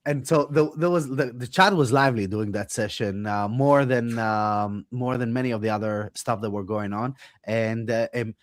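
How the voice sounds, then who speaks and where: A man recapping a session in a casual panel chat over a video call, halting and filled with uh and um. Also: medium pitch, no room sound, studio quality. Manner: hesitant, many fillers.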